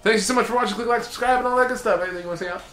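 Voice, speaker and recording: Excitable young man playing a game, bright voice. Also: very high-pitched, racing. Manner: excitable, swears, laughs, grumbles at the game. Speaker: let's play host. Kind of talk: casual gameplay commentary. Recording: echoey room with faint game music. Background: faint game music.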